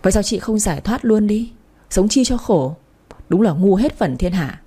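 A woman's voice: mid-range voice, animated, moderate pace, mellow, slightly rough. A woman voicing a young husband who speaks scornful and cutting. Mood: contemptuous. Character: young husband, cold and contemptuous.

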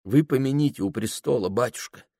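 A man voicing an anxious, pious middle-aged mother with a soft, plaintive manner. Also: mid-range voice, a little fast, gravelly, dry recording, clean studio sound, pitched above the performer's own voice.

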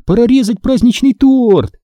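A man voicing an excited young girl who bosses her little brother around, eager and full of exclamations. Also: sits high, normal speed, no room sound, studio quality, pitched above the performer's own voice. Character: excited young girl, bossy older sister.

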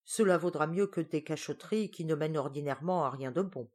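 A woman's voice: deep voice, brisk. A woman reading aloud voices a kindly, mischievous old aunt who plays at being deaf. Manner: warm and mischievous.

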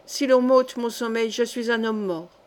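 A woman's voice: fairly high pitch, steady tone, normal speed, darkish tone, lightly acted. A woman voicing a timid, submissive male seneschal in a storybook reading, speaking mournfully. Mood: dejected. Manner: dejected, mournful.

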